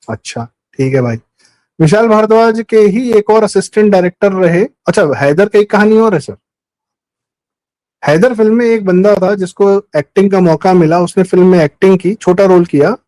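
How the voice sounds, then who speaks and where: A man's voice: sits high, warm tone, low-quality recording. A middle-aged man commenting on a talk show, emphatic and full of rhetorical questions. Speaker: guest commentator. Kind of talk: political talk show discussion.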